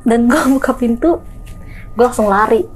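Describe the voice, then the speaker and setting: Lively young woman. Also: fairly high pitch, moderate pace, rough recording. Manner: lively, acts out knocks and voices. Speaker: guest telling a true ghost story. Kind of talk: casual storytelling.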